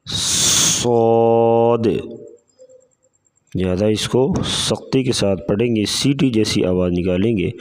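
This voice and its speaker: A man with a Pakistani Urdu accent giving a tajweed lesson, drawing recited words out slowly and then explaining in brisk plain speech. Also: on the low side. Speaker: Quran recitation teacher.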